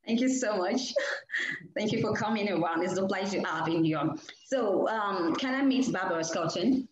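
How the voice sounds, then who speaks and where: A woman hosts a casual interview at a medium pitch, gushing with praise and leaning on fillers. Her voice carries a roomy echo with faint background hiss. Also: normal speed, dull audio. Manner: warm, effusive, with fillers. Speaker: host. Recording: echoey room, faint noise.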